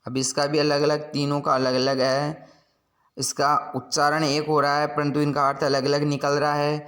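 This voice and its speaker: A man's voice: on the high side, monotone, moderate pace, fairly bright tone. Patient male teacher explaining vocabulary. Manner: patient, explanatory, repeats each meaning. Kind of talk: classroom lesson explaining word pairs.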